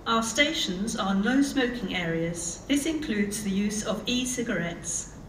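A woman giving formal train and safety announcements over a station public address loudspeaker. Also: medium pitch, lively intonation, a little slow. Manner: clear, formal announcing delivery. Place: railway station platform. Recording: very echoey distant loudspeaker, noisy.

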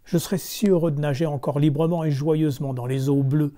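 Kind magic golden fish voiced by a man, gentle, gracious, mellow dark tone, storybook. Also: fairly high pitch, fairly even intonation, a little fast, natural voice.

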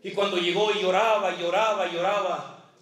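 High, bright preaching man in a hall. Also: level tone, a little fast, distant mic. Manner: impassioned preaching with repetition and shouted praise. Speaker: pastor. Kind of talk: sermon.

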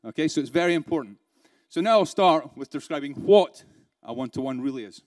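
A man's voice: a little high, animated, brisk, a little mellow. A man giving a keynote talk to a live conference audience, peppering them with rhetorical questions and playful asides. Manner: laughs between points, playful. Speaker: keynote speaker.

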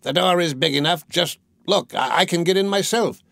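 A man's voice: high voice, moderate pace, gravelly, fairly bright tone, dry recording, voice pushed up. A gloating old storybook witch, cruel and mocking, barks her orders in a raised, pinched voice, as a male narrator puts her on. The sound is close and dry, with no room around it. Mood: scheming.

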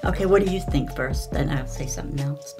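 A woman's voice: low voice, a little fast, over music. An older woman with a grandmotherly old woman's voice, chatting casually and unscripted as she gives her reactions. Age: older, 60s or over. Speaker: reaction video co-host. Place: small indoor room, seated.

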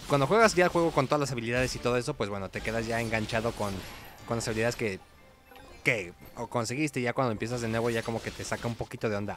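A man with a Mexican Spanish accent hosts a gaming video, offering casual, chatty commentary on the gameplay in informal slang. His mid-range voice is a bit bright, and he hums little sound effects as he talks.

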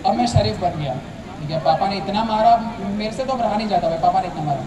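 A young man telling an animated stand-up comedy story, acting out his family members. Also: sits high, fast. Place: large tented college hall with a seated crowd. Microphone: handheld mic, filmed from far back in the audience. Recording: distant echoey hall with crowd noise. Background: audience laughter and chatter.

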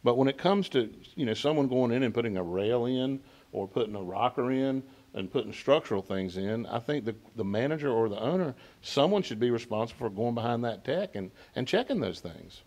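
A man's voice: mid-range voice, expressive, fairly quick, a little mellow. A man on a car-repair panel, speaking bluntly and directly on a handheld mic in a showroom. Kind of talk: panel discussion.

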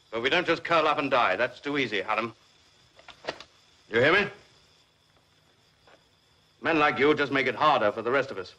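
An actor playing a stern colonel who gives strict, clipped orders to fellow prisoners in a film. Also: male voice, medium pitch, pushed and bright, a little hiss or hum, low-quality recording. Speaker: senior officer in a prison camp.

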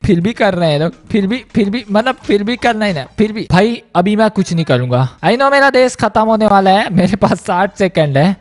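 A man giving excitable, exclamatory commentary over a mobile game, often shouting out in surprise. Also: high voice. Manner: exclamatory, animated, repeating "o bhai sahab". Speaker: gaming YouTuber. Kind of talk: excitable Hindi let's-play commentary.

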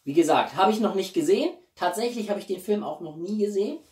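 Animated and quick, a man with a high, darkish voice chats expressively to camera as a YouTube host. He's indoors in a small home living room, and the microphone sits at a distance, so the sound is echoey.

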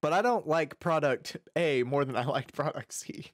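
A man's voice: a little high, normal speed, no room sound, studio quality. A man co-hosting a casual podcast, jumping into bits and laughing with his friends. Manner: animated, laughs a lot, jumps into bits. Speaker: podcast co-host. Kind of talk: casual chat.

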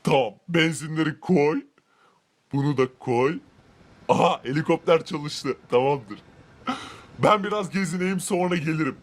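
A boastful, cruel rich man in a game role-play, voiced by a man, all smug gloating and shouted threats. The voice sits a touch above the usual male pitch. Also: a little slow, pauses often. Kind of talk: Minecraft role-play commentary.

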